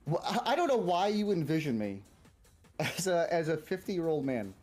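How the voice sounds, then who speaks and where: A Massachusetts man in his thirties with a Boston accent streams casual chat, telling personal stories and often rephrasing himself. His voice sits on the high side, sing-song and darkish in tone, at a moderate pace with faint music behind.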